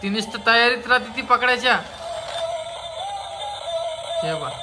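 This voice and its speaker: A man's voice: very high-pitched, fairly even intonation, measured pace, over music. A man chatting playfully at home for his family vlog, coaxing the children as he films. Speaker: family vlogger. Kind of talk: casual home vlog chat. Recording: noisy home phone recording.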